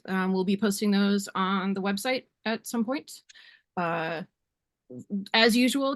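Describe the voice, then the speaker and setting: A woman hosting a community meeting on a video call, reading out announcements in a brisk, businesslike way. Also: medium pitch, fairly bright tone, no room sound, clean studio sound. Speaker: meeting host. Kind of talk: running an online community meeting.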